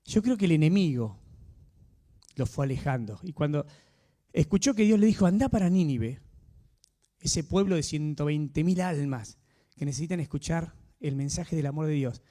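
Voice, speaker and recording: A man with a Rioplatense accent preaching a sermon in a conversational way, often checking in with his listeners. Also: normal speed. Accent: Rioplatense Spanish. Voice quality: animated, swinging pitch. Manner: conversational, asks the audience frequent tag questions.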